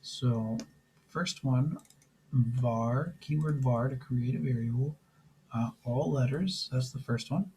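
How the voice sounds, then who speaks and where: A man who is losing his voice, teaching a programming lesson step by step in a relaxed way with frequent fillers. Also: mid-range voice, takes it slowly, slight background noise, rough recording. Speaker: programming instructor. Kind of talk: screen-recorded coding tutorial.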